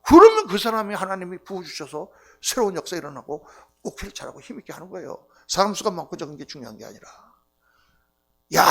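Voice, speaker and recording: A middle-aged male pastor giving a revival sermon, telling stories and acting out quoted voices, swinging between loud outbursts and hushed lines. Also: very high-pitched, gravelly. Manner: animated storytelling with sharp swings between loud outbursts and near-whispers; acts out quoted voices and repeats key phrases.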